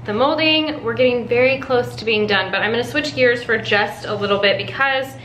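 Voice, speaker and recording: A woman's voice: on the high side, a little fast, a bit bright, slight background noise, poor audio. A woman chatting casually to camera as a home makeover vlogger, explaining her DIY steps in an informal way.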